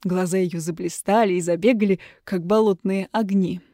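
A woman narrating an audiobook of comic fiction with a lively, expressive reading. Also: fairly low pitch, normal speed, no room sound, clean studio sound.

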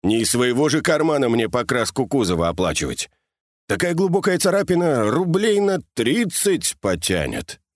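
A man's voice: mid-range voice, very animated, normal speed, breathy edge, dry recording, studio quality. A man voicing a sly, experienced traffic police sergeant in his mid-thirties who talks sternly and then with mock sympathy. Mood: mock-sympathetic.

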